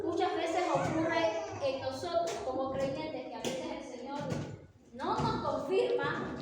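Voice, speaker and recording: A woman preacher delivering an earnest sermon, with frequent rhetorical asides and amens. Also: high voice. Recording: echoey hall, far-off mic, background noise.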